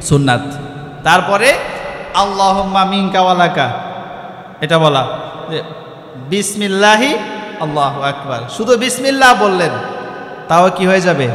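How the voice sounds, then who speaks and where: A man's voice: high voice, lively intonation, a little slow, long pauses, fairly bright tone, roomy sound, in a large hall. A man preaching a sermon who keeps asking his listeners questions and answering them himself, and chants Arabic supplications.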